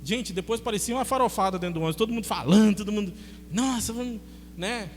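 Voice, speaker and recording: Brazilian male pastor, high voice, animated storytelling sermon, reverberant church hall with faint hum. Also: very fast. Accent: Brazilian Portuguese. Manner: chatty, animated storyteller who acts out dialogue.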